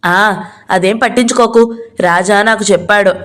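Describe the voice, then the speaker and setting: A woman's voice: mid-range voice, normal speed, a bit bright, natural voice. A woman voicing a chattering little boy in a storybook. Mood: eager chatter. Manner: rambling, breathless storytelling.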